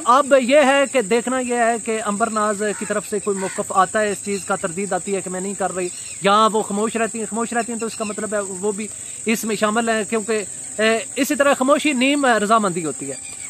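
A man in his thirties giving a casual commentary vlog outdoors beside a brick wall, recorded on a phone camera, pausing often with fillers. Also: high voice, fairly bright tone, slight background noise. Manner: hesitant, many filler pauses. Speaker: vlogger. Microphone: phone camera at arm's length.

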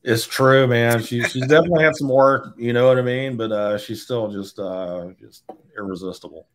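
A photographer in his forties from Georgia, USA, joins a video call as a guest from a room at home, telling blunt, swear-laden stories in a casual chat. His mid-range, slightly bright voice moves at a moderate pace through a webcam mic.

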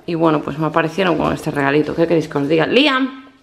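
A woman's voice: low-pitched, expressive, quick pace, creaky, background noise. A woman from filming a casual home vlog, cooing and gushing in baby talk at her pets and child. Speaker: vlogger. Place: home living room.

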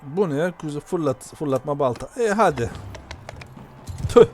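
A man giving casual, excitable commentary while playing a video game, often shouting at it. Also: on the high side, takes it slowly. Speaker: gameplay commentator.

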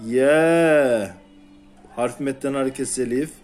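A man's voice: mid-range voice, a little mellow. A man with a Turkish accent teaching Quran reading, sounding out and stretching syllables one by one for beginners. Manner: slow, drawn-out syllables repeated for learners. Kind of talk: syllable-by-syllable recitation lesson.

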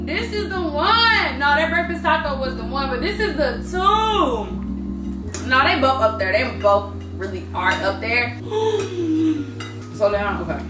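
A woman's voice: high-pitched, lively intonation, measured pace. Playful young woman cooking, far from mic. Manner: chatty, playful, slangy, sing-song asides. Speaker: cooking vlogger. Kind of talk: casual cooking vlog chat. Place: home kitchen. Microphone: camera across the counter. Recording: roomy kitchen audio from a distance, music behind. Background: loud background music.

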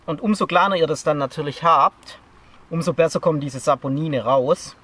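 A man's voice: fairly high pitch, moderate pace. A man in his thirties chatting casually as he shows a craft step by step outdoors in a forest camp. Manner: relaxed and chatty, explains step by step while working. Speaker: bushcraft instructor. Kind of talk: casual outdoor how-to demonstration. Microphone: camera a few meters off. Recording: distant outdoor camera audio.

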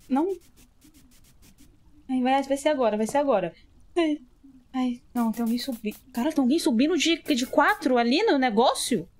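A woman's voice: medium pitch, darkish tone. A woman, commenting on a horror game she is playing, jumpy and swearing often with startled yelps. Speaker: gamer streamer.

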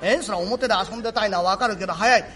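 A man's voice: high voice, racing, a bit bright. A man voicing a hardworking mother who nags her son, in old speech. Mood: nagging. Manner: nagging, exasperated. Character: scolding mother, hardworking, fussy. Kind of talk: rakugo storytelling.

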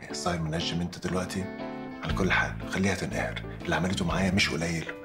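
A man's voice: low voice, steady tone, rapid-fire, natural voice. A man playing an uncle in a dubbed TV drama, speaking bluntly and with resentment. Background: music score.

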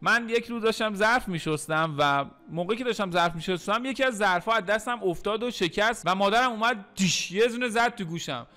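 A man teaching English in a recorded lesson, repeating English phrases slowly and then explaining them, with playful joking asides. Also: high voice, pushed and bright. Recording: faint music underneath.

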